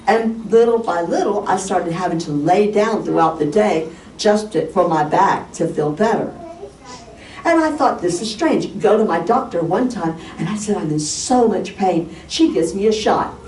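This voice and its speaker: Woman pastor preaching in an echoey church. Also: moderate pace. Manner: animated storytelling, acting out dialogue with big pitch jumps. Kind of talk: sermon told as a personal story. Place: church sanctuary. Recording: echoey church from far off, faint hiss.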